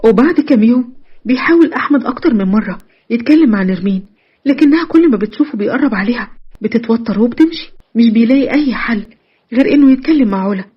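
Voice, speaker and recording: A woman's voice: fairly high pitch, animated, fast, slightly rough, lo-fi sound. A woman with an Egyptian accent narrating a romance story. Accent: Egyptian Arabic.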